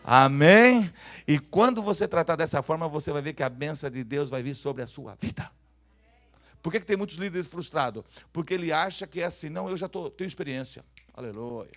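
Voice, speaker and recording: A high-pitched male pastor from Brazil delivering a sermon. He drops to soft, low asides and then rises to loud, ringing calls for the church to repeat his words. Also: expressive, a little fast. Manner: swings from hushed asides to shouted calls for the congregation to repeat.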